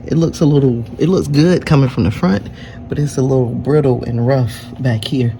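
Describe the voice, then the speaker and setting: Plain-spoken man over clear background noise. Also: medium pitch, normal speed, mellow. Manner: plain-spoken, explains step by step. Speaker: DIY car repair vlogger. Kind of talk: casual hands-on narration to camera. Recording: noisy workshop with vehicle-like background noise.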